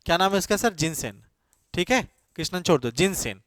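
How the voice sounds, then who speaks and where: A man with a high, light voice runs an exam-prep class, firing the same question again and again before he answers it himself. He slips English phrases into his speech and. The sound is dry, close and free of room echo. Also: lively intonation, fairly quick, fairly bright tone. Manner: quizzes students with repeated questions, then answers himself. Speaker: coaching teacher.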